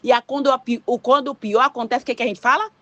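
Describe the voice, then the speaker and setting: A woman's voice: fairly high pitch, steady tone, fast, fairly bright tone, no room sound, dull audio. An older woman with a Brazilian Portuguese accent preaching an informal sermon, chatty and full of rhetorical questions. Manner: conversational, leans on rhetorical questions and tag questions.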